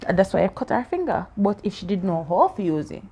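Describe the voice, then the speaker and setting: After a story reading, an aunt chats with a child, laughing a lot, asking questions and playfully pushing back on the child's answers. Her medium-pitched voice is sing-song and darkish, she talks fast, and there's a little hiss or hum.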